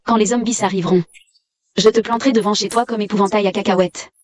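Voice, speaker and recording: A woman's voice: mid-range voice, fairly even intonation, fast talker, no echo, studio quality, close to an everyday voice. A woman playing a defiant, protective young wife in a dubbed drama, blunt and commanding. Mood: defiant, threatening. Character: defiant, sharp-tongued young wife and daughter, fiercely protective. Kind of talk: dubbed short-drama acting.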